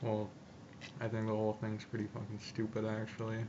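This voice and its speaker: A young man talks around chewing tobacco in a very flat, fairly low voice. His talk is casual, slangy and full of swearing. The recording is muffled and noisy. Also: brisk. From upstate New York, United States. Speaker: video co-host. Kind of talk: casual chat and anecdotes. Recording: muffled, noisy amateur video audio.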